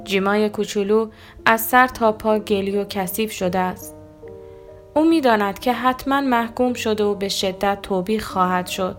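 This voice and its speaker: Woman reading a devotional, soft guitar behind. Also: mid-range voice. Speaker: devotional reader. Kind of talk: scripted devotional narration. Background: soft guitar music.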